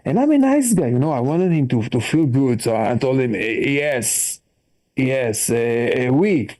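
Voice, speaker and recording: A man with an Israeli accent doing a stand-up set over a video call, animated, in broken English phrasing, with punchlines that leap up in pitch. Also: a little slow. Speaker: stand-up comedian.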